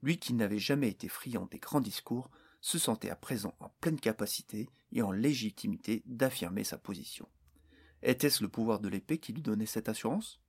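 A man reads a fantasy story aloud in a steady, measured narrator voice. His tone is husky. He keeps the scripted narration even and clear. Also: fairly low pitch. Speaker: audiobook narrator.

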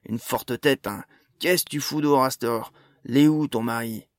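A man's voice: medium pitch, moderate pace, no echo, clean studio sound, close to an everyday voice. A man voicing a young male dwarf gang leader in an audiobook, speaking hard and curt with swearing. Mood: hard hostile. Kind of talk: audiobook character voice.

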